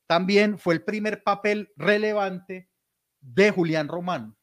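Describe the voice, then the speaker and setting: High-voiced Colombian man, lively storyteller. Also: slow pace. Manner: animated storytelling, laughs often. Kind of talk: casual chat.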